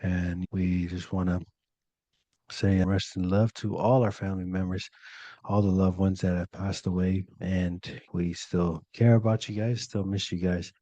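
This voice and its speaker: A young Polynesian man from California, co-hosting a podcast in a relaxed, slangy and earnest way. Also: sits low, a little slow, no room sound. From Polynesian, living in California. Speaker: podcast co-host. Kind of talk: casual podcast talk.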